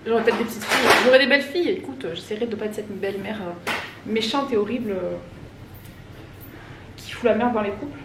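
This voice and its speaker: A vlogger in her thirties from France talks casually and rambles to camera as she folds laundry at home, speaking fairly quickly in a slightly high voice with long pauses. The recording picks up roomy echo and background noise from a distant mic.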